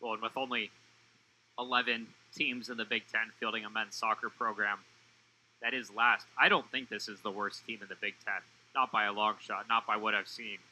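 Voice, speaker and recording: Bright-toned man giving match analysis. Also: lowish voice, steady tone, moderate pace, low-quality recording. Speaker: color commentator. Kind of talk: analytical sports commentary.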